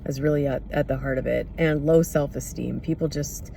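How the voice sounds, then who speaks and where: A person thinking out loud in a casual, reflective monologue, candid and often pausing to search for words. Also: medium pitch, steady tone, gravelly, slight background noise. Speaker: podcast or vlog host.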